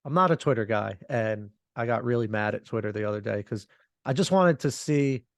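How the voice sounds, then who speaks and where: A man co-hosts a podcast in relaxed, rambling conversation, laughing often. His voice has a gravelly edge. The sound is dry, with no room echo. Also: mid-range voice, brisk. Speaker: podcast co-host. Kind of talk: casual chat.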